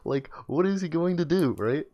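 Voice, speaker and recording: A man's voice: fairly high pitch, animated, moderate pace, muffled recording, slight background noise. A man streamer telling a comic story in a loose, profane, rambling way.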